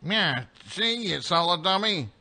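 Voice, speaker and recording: A man's voice: high voice, animated, unhurried, pushed and bright, pitched above the performer's own voice, full character voice. A man voicing a snarling old-movie tough guy in a clipped gangster manner.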